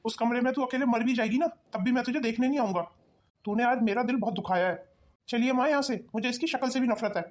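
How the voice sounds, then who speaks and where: A woman's voice: a little high, fast, a little mellow, lightly acted. Woman voicing a harsh young cartoon husband. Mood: stern. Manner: harsh, commanding. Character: stern young husband, mother's loyal son. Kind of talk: cartoon voice acting.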